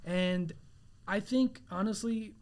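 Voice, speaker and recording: A man's voice: sits high, slow, darkish tone. A young man in his twenties, a realtor guest on a podcast, talking earnestly with many restarts. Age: 20s. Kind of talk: casual interview chat.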